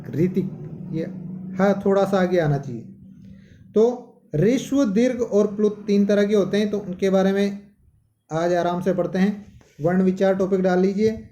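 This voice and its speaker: A man's voice: high voice, steady tone, normal speed, long pauses, dark tone. A man teaching a Sanskrit grammar lesson, talking to his students as children and patiently repeating each term.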